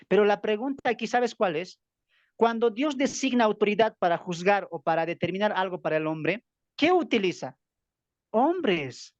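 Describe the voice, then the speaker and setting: A man's voice: high voice, dry recording, lo-fi sound. A man from Bolivia with a Bolivian Spanish accent, teaching a Bible study lesson and firing rhetorical questions he answers himself. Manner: emphatic, keeps asking rhetorical questions and answering them.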